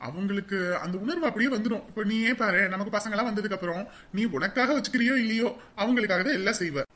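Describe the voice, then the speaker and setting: A woman voicing a gentle, doting husband in a TV serial, speaking reassuringly. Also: mid-range voice, quick pace, natural voice. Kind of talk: TV serial acting.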